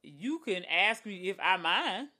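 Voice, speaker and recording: A woman improvising a sharp-tongued wife who questions every plan. She is blunt and sarcastic and swears freely. Her voice is bright and cutting. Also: mid-range voice, expressive, a little slow. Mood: defiant.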